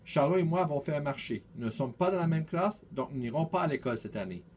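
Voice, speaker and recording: A man's voice: on the high side, expressive, fast talker, a little mellow, slight background noise, natural voice. A teenage boy voicing Louis, a small cheerful schoolboy, in a storybook reading. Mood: excited.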